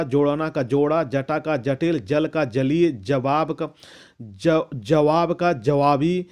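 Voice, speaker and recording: A man reading out a long list of word pairs as a lesson, measured and methodical, with the odd restart. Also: on the high side, a little mellow. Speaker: teacher reading a Hindi vocabulary list. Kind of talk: slow recitation of word pairs.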